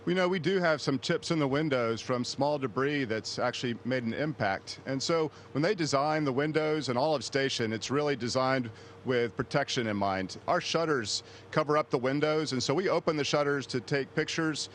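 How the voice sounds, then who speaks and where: A man with a medium-pitched voice answers interview questions as an astronaut, explaining things plainly. A faint steady machinery hum from the space station sits behind him. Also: moderate pace.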